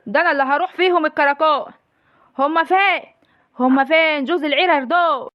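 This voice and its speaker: A woman's voice: sits high, quick pace, dry recording, lo-fi sound, natural voice. A woman playing a wailing rural mother. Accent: rural Egyptian. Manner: wailing, lamenting, melodramatic. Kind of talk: comic village sketch.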